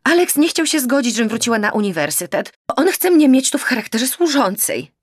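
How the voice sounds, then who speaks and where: A woman's voice: medium pitch, expressive, normal speed, creaky, no room sound, clean studio sound, pitched above the performer's own voice. A woman doing an exasperated young woman. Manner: agitated, pleading, raised. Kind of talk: audiobook character voice.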